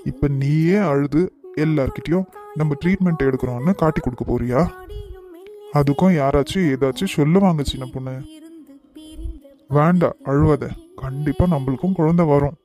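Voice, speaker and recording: Man playing a caring young husband, cartoon, warm dark voice, coaxing tone. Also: on the high side, lightly acted. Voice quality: tender, coaxing.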